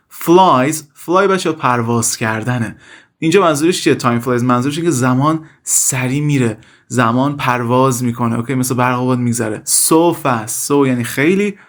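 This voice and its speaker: A male language teacher who pronounces example phrases slowly and deliberately, then explains them quickly and casually, often calling his students "kids". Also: mid-range voice, fairly bright tone. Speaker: English teacher. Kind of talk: language lesson, explaining in Persian.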